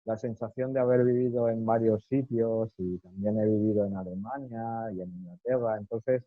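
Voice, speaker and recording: A man from Spain with a neutral Castilian accent, speaking as a guest in a relaxed interview, thoughtful and hesitant with many fillers. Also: mid-range voice, no echo, phone-quality sound. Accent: neutral Castilian Spanish.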